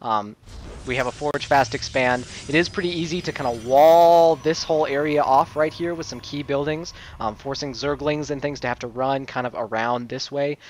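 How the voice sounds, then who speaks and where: A man's voice: medium pitch, fairly even intonation, moderate pace. A man casting a video game match, talking casually with frequent fillers. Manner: casual, chatty, uses many fillers. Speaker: esports caster. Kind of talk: play-by-play game commentary.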